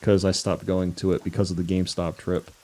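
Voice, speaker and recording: Young male co-host, lowish mellow voice, lively storyteller. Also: a little fast. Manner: animated, acts out quotes with big pitch jumps. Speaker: podcast co-host. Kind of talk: casual storytelling chat.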